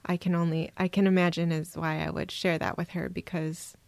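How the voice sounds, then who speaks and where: Soft-spoken woman telling her story. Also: lowish voice, flat delivery, a little fast, vocal fry, no echo. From Minnesota, USA. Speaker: guest adoptee. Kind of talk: personal storytelling interview.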